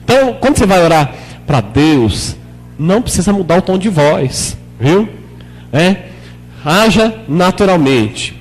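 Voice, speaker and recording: A male pastor with a high voice delivers a sermon in an easy, conversational way. He keeps asking the congregation questions and sometimes acts out prayers in a lower, softer voice. The sound carries a long church reverb. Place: church hall.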